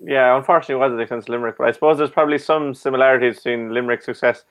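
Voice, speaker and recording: A man's voice: medium pitch, steady tone, very fast, fairly bright tone. An Irish man hosting a conversational sports discussion. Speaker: host.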